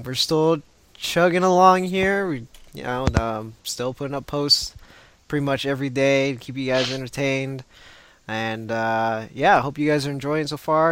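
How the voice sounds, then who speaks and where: A man's voice: mid-range voice, fairly bright tone, clean tone. A man hosting a casual video game podcast, upbeat and laughing often, with loose fillers. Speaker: podcast host.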